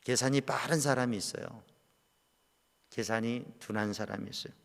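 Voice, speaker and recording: Male pastor, mid-pitched, impassioned preacher, long church reverb. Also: moderate pace, creaky. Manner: impassioned preaching, swinging between loud cries and quiet low asides. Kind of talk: sermon. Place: church sanctuary.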